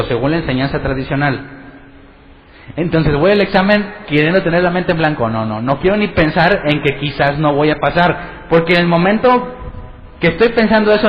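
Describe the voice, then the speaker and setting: A man leads a Bible study sermon in a conversational way, often turning questions to his listeners. His voice sits somewhat high for a man. The recording is dull and lo-fi, with a long reverb from a church hall. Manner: conversational, asks the congregation questions. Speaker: pastor. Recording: echoey hall, dull lo-fi sound.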